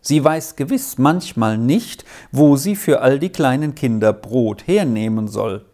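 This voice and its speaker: An earnest old grandmother from a storybook, speaking softly and thoughtfully as she admonishes, put on by a reader. Her voice moves lively in pitch, but she never hurries. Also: lightly acted. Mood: gentle, admonishing. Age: over 60. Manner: soft, admonishing, slow and thoughtful. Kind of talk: storybook reading.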